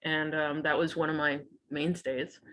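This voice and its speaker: Middle-aged woman musician chatting on a podcast, bright tone, giggles all the time. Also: deep voice, level tone, unhurried. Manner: chatty, laughs often between phrases. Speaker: guest musician. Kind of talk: casual interview chat.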